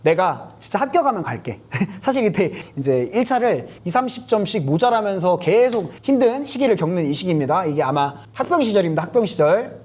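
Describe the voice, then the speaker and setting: A man's voice: high-pitched, brisk, few pauses, slightly rough. A man in his thirties candidly telling a personal story at a whiteboard, acting out the voices of his friends and himself. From South Korea. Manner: animated, acts out friends' and his own quoted lines. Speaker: YouTuber recounting exam years. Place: indoors in front of a whiteboard.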